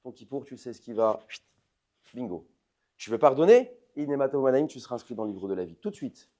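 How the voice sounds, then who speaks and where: Emphatic man lecturing, dark mellow voice. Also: mid-range voice, fast. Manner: swings between loud emphatic outbursts and soft intimate asides; addresses the audience directly with questions. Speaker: rabbi giving a lecture. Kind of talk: lively religious lecture to an audience.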